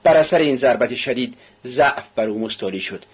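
Guy reading an audiobook, breathy husky voice, kinda muffled lo-fi sound. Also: medium pitch, animated. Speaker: audiobook narrator. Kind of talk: scripted narration of a novel. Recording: dull, muffled recording.

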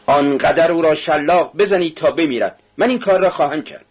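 A man voicing a cruel drunken peasant who shouts as he whips his horse, in a higher, louder voice than his narration, with a husky tone. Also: lo-fi sound. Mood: cruel shouting.

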